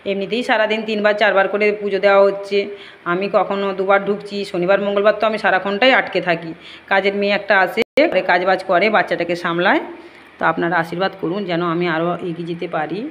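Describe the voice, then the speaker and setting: A woman's voice: mid-range voice, little pitch movement, quick pace, a bit bright, dull audio. Woman, home shrine vlogger, earnest and pleading, faint noise in the recording. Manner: earnest, pleading, addresses viewers as friends. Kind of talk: devotional home vlog talk.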